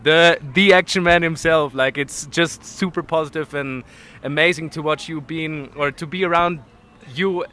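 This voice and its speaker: An upbeat man interviews a guest outdoors at a festival, talking in a bright, forceful voice that sits a little high. He leans on fillers as he talks. Faint outdoor noise hangs behind him. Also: fairly even intonation, normal speed. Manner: upbeat, uses fillers like "I mean".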